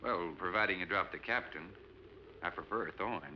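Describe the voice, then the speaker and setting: A man's voice: sits low, normal speed, natural voice. An actor playing an easygoing male boat captain who talks in a casual, dry, plain-spoken way. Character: adult male sea captain, easygoing and blunt. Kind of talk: 1950s film acting. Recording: dull old film soundtrack with music.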